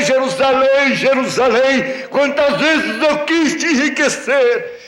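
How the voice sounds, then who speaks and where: A Brazilian preacher with a high-pitched voice delivers a sermon in an emphatic, repetitive cadence. The archive recording carries the roomy echo of a large church. His voice rings high above the room's reverb. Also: bright, forceful tone. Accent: Brazilian Portuguese.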